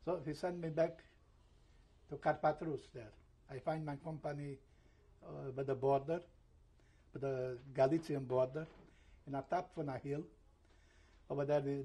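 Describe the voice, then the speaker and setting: An elderly man gives oral history testimony in slow, halting, broken English. His voice is gravelly and very husky, dark in tone and pitched a bit above his peers. He stops to hunt for words and drops into German and Hebrew when English fails him. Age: 70s. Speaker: Holocaust survivor giving testimony.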